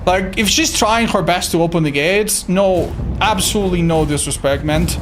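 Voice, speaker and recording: A game streamer gives casual live commentary, talking straight to his viewers in an informal, sweary way and calling them man and dude. His voice is medium-pitched at normal speed, over a noisy background.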